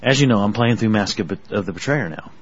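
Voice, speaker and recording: A man co-hosting a podcast in a relaxed, casual chat. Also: on the low side, quick pace, breathy edge. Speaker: podcast co-host. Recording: dull lo-fi podcast audio.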